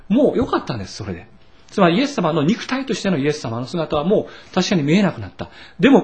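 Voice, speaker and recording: Animated male pastor preaching, lively pitch. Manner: animated storytelling with asides and rhetorical questions. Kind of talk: sermon.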